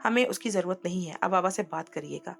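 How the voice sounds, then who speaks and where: A woman's voice: fairly low pitch, brisk, creaky, a bit bright, soft background music. A woman reading as an evasive younger sister. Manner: evasive, insistent.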